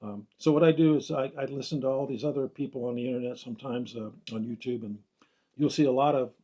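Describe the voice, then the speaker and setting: A man's voice: mid-range voice, fast, warm tone. A middle-aged man hosting a gardening video, chatting casually and sometimes stumbling over his words. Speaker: gardening channel host. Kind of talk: casual chat.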